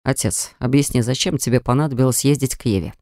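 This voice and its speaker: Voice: medium pitch, quick pace, mellow, dry recording, clean studio sound, pitched below the performer's own voice, close to an everyday voice. A reader voicing a cold, stern grown son who speaks in a clipped, scolding way, in an audiobook. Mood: icy. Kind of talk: audiobook character voice.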